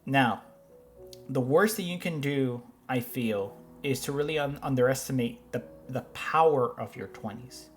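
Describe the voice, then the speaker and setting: Male host in his thirties, mid-pitched, rambling reaction commentary, faint music underneath. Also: unhurried. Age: 30s. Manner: rambling, with frequent restarts and fillers. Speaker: host reacting to finance videos. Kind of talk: casual commentary.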